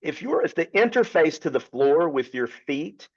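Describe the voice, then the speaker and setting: A man's voice: a little high, very animated, moderate pace, dull audio. A man with an Appalachian accent giving casual coaching commentary in a folksy, emphatic way, often addressing his partner. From Appalachia, United States. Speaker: strength coach, co-host.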